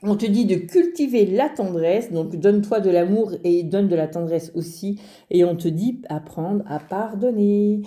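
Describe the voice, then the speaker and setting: A woman giving a casual card reading to her viewers, talking straight to them with many pauses and restarts. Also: mid-range voice, warm tone. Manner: hesitant, many fillers and restarts, addresses viewer directly. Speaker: card reader. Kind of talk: casual spoken tarot reading.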